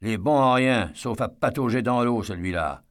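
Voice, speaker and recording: Man putting on a gruff drunken old father. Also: mid-range voice, moderate pace, lightly acted. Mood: scornful. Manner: gruff, shouting and slurring when angry. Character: harsh drunken old father, bitter and violent.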